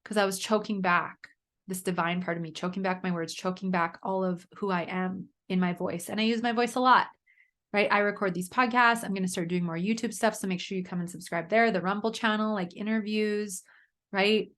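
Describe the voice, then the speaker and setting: A woman's voice: mid-range voice, steady tone, fairly quick, fairly bright tone. A woman hosting a solo self-help podcast, talking earnestly and chattily, often adding "right?". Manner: chatty, earnest, frequent "right?" tag questions. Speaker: podcast host and coach.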